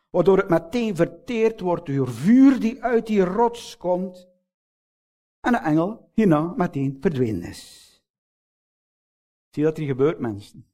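A man with a Flemish accent preaching a sermon, earnestly asking his listeners rhetorical questions, lifting some phrases with emphasis and dropping others to a low, slow hush. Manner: swings between raised emphatic phrases and low, slowed, hushed endings.

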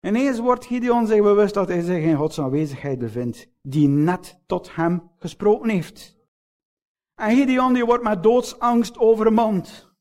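A Flemish man delivers a sermon in a fairly high-pitched voice, speaking straight to his listeners and asking them question after question. He lifts some phrases with emphasis, then lets others sink into a low, slow hush. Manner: earnest, addresses listeners directly with frequent rhetorical questions; swings between raised emphatic phrases and low, slowed, hushed endings. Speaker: preacher.

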